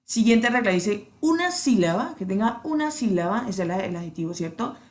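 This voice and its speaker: A woman teaching an English grammar lesson, patiently checking in with her students and slowing down to spell out the examples. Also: mid-range voice, very animated. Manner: patient, checks in with "¿cierto?" often.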